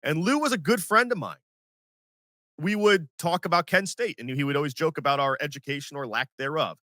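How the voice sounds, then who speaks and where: Bright-voiced man in his forties telling stories. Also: fairly high pitch, fairly quick, no room sound, clean studio sound. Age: 40s. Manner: animated, self-mocking storyteller who acts out quotes. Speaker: podcast host. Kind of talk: casual sports podcast storytelling.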